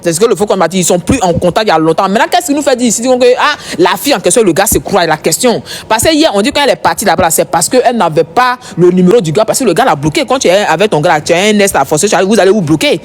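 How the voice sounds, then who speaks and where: A woman's voice: mid-range voice, lively intonation, fast, few pauses. A woman doing casual live commentary as a gossip streamer, chatty and repetitive, talking straight to her viewers.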